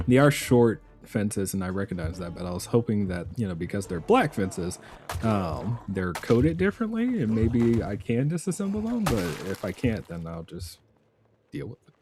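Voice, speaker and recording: A man giving relaxed, chatty live commentary while streaming a survival game, laughing often. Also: on the low side, moderate pace, soft background music.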